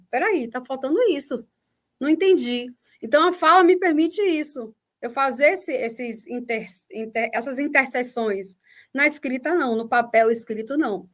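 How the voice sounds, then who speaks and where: Woman, Brazilian accent, high voice, teacher, online workshop talk, explanatory. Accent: Brazilian Portuguese. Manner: explanatory, checks understanding with rhetorical questions. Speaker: teacher and mentor. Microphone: video call.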